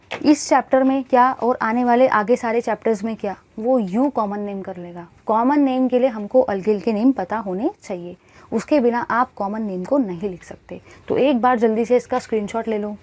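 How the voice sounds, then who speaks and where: A woman's voice: on the high side, a little mellow. A woman teaching a chemistry class, asking questions and answering them herself, calling the students bhai and guys.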